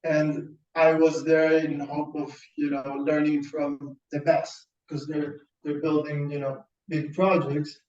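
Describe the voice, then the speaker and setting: A man born in Iran and raised in Sweden tells his story in a webinar on a video call, halting and repeating words as he goes. His voice sits a little high and stays fairly flat. The sound is roomy and dull, as if he sits some way from the mic. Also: distant mic. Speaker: founder presenting a webinar. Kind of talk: webinar talk.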